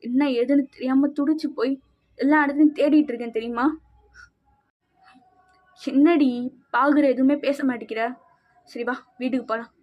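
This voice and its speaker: A woman's voice: high-pitched, fairly even intonation, moderate pace, pauses often, natural voice. A woman voicing a remorseful young husband who anxiously searches for his wife and calls out to her. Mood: scolding, worried. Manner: pleading, anxious calling out. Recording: slightly dull with faint music.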